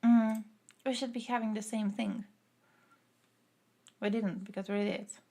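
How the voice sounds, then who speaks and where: A woman's voice: a little high, fairly even intonation, unhurried, warm tone. A young woman from Croatia who streams and answers chat, talking through politics in a casual way, thinking aloud with fillers.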